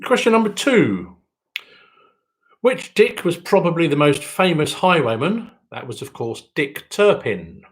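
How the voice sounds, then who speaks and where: In a low-quality recording, a man with a fairly high, very animated voice hosts a quiz, reading out the questions and answers. Each question gets a rising, sing-song delivery and a slow repeat, and he tosses in dry, joking asides.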